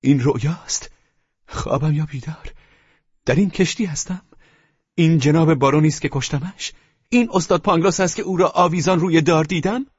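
A man voicing a naive, excitable young man in an audiobook, speaking eagerly. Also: medium pitch, creaky, breathy edge, dry recording. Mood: astonished. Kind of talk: audiobook reading. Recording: dull lo-fi dry recording.

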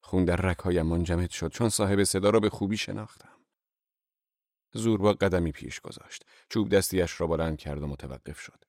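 A man with a very deep voice reads a novel aloud at a measured, even pace. The sound is dry and close, with no room around it. He tells the story plainly and keeps his delivery steady. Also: dry recording. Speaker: narrator. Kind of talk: audiobook narration.

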